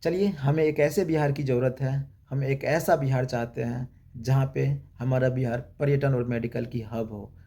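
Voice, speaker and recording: A young man from Bihar, India, delivers an impassioned political monologue on his own YouTube channel, building emphatic lists through repeated rhetorical lines. His medium-pitched, mellow voice has vocal fry, fairly even intonation and a moderate pace.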